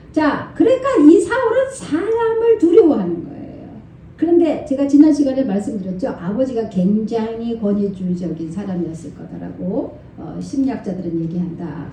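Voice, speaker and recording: A woman's voice: high voice, a little hiss or hum. Older woman pastor preaching in an echoing hall. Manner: lively, conversational preaching with frequent laughter; acts out inner thoughts and quoted speech. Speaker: senior pastor. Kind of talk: Friday night sermon. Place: church sanctuary. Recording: very echoey church hall, from far off.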